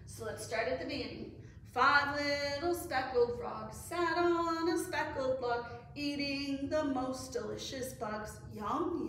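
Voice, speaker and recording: A middle-aged children's librarian with a high, slightly bright voice leads story time, reading and doing action songs for kids with cheerful sing-song counting. A camera across the room picks her up, so the audio is distant and echoey with faint noise.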